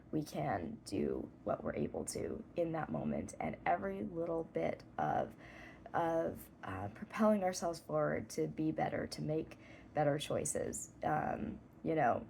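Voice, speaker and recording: Woman doing a self pep talk, kinda low n gravelly, earnest and halting, bit of background noise. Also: a little mellow. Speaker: student and parent vlogger.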